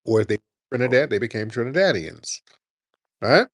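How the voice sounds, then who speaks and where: A man's voice: medium pitch, lively intonation, normal speed, no room sound, studio quality. A man hosting a casual audio chat room, making his point insistently with rhetorical questions. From United States.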